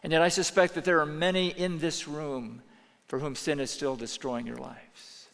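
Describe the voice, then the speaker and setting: A man preaching a sermon as pastor, earnest, moving between hushed pleading and raised intensity. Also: on the high side, flat delivery, moderate pace, gravelly, in a large hall. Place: church sanctuary.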